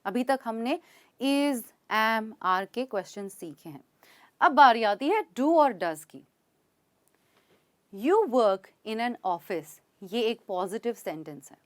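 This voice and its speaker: A woman teaching a spoken English lesson. She explains in Hindi, reads the English example sentences slowly and clearly, and often checks in with her listeners. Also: fairly high pitch, lively intonation.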